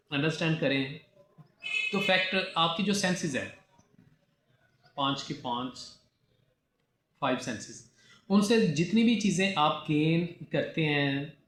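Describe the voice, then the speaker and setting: The setting is a law class, where a man from Pakistan teaches in Urdu sprinkled with English terms, speaking with a Pakistani accent. His voice is a little high and a bit bright, and he repeats key definitions and poses rhetorical questions. The room echoes and carries faint background noise.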